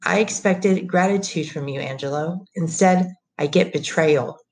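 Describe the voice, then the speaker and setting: A woman's voice: lowish voice, measured pace. A woman voicing a menacing, scornful middle-aged businessman who taunts and bullies. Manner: sneering, taunting.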